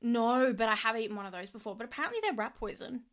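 A woman's voice: on the high side, animated, fast, a bit bright. Young woman with a raised voice. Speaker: podcast guest. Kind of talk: casual chat.

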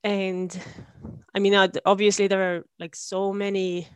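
Young woman talking slow and thoughtful, searches for words, dry close mic. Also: medium pitch, flat delivery, smooth, dry recording. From Sweden. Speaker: guest, long-distance cyclist. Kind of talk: reflective interview answers.

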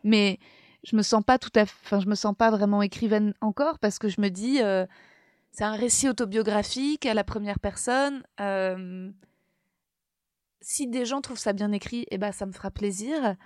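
A woman speaks at a middle pitch, winding through a long personal story with hesitant, self-deprecating asides. Her voice is close and dry, with no room sound around it. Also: moderate pace, a little mellow, dry recording. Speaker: podcast guest, first-time author. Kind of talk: casual storytelling.

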